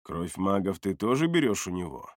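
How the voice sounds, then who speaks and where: A man voicing a menacing male mage who speaks low, quiet and threatening. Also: sing-song, normal speed, no echo, clean studio sound. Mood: cold.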